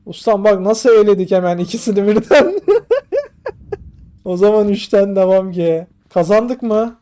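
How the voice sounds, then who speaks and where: A young man with a high voice jokes his way through a horror game at home. He mutters checklists under his breath and talks to his audience in loose slang, recorded on a desk mic. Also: moderate pace, dark tone, clean tone. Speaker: gaming YouTuber. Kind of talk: casual gameplay commentary.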